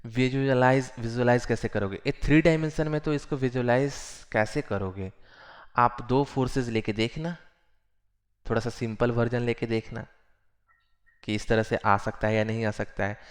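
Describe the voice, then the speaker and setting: A male physics teacher giving a classroom lecture, repeating phrases slowly and mixing Hindi with English. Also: medium pitch, fairly even intonation.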